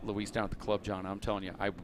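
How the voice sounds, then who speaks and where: A man's voice: on the low side, level tone, quick pace. Upbeat man calling handball. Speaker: play-by-play commentator. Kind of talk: live sports commentary. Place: handball show court. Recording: noisy live event broadcast.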